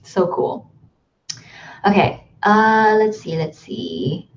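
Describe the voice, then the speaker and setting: A woman's voice: medium pitch, sing-song, extremely slow, highs cut off. A young woman from the United States chatting casually on a livestream from her bedroom, rambling with lots of ums and likes. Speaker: YouTuber hosting a livestream. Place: bedroom at home.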